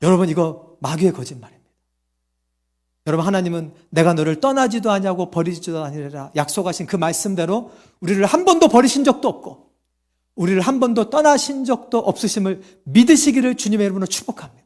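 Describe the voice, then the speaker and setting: A man's voice: sits high, fast talker, darkish tone. A man preaching a sermon as pastor, asking the congregation questions and answering them himself, and acting out quoted voices.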